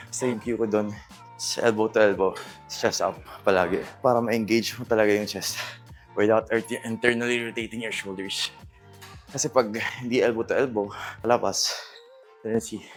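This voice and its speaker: Filipino male gym vlogger, lowish voice, casual coaching with English terms, faint music underneath. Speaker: fitness vlogger coaching exercises. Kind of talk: casual workout talk mixing Tagalog and English gym terms. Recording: music behind the voice.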